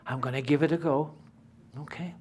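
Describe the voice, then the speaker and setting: A British man voicing a newborn baby's inner thoughts in a gentle, musing way. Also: on the high side, fairly even intonation, a little fast, slight background noise, natural voice. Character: wondering newborn baby deciding to try life.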